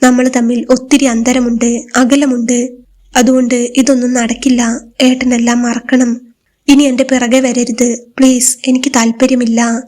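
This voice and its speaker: A woman's voice: on the high side, little pitch movement, a little slow, darkish tone, close to an everyday voice. A woman reading a shy heartbroken young woman. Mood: pleading, tearful.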